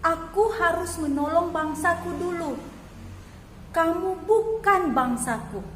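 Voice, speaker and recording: A woman voicing a calm, gentle grown man who speaks slowly and kindly. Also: very high voice, slight background noise, voice pushed up, full character voice. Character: calm gentle male teacher, adult. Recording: echoey hall, faint ambience.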